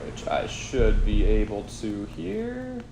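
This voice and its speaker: A man's voice: lowish voice, huge pitch swings, slow pace, vocal fry, very noisy. Man streaming with an echoey room sound. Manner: chatty, reads out and answers viewer comments. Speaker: live-stream host. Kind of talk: casual live-stream chat while gaming. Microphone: no headphones, audio through device.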